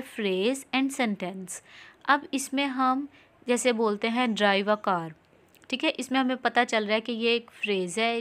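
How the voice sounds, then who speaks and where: A woman with a Pakistani accent giving an exam-prep lesson, reading English lines slowly and explaining them in mixed Urdu and English. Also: fairly high pitch, a bit bright. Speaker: teacher.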